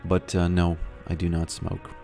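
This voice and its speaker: A man chats through a live game stream in a low, deep voice. He talks haltingly, repeating words and leaning on fillers. Faint music plays behind him. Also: completely flat delivery, gravelly, dark tone. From Latvia. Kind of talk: casual live-stream chat.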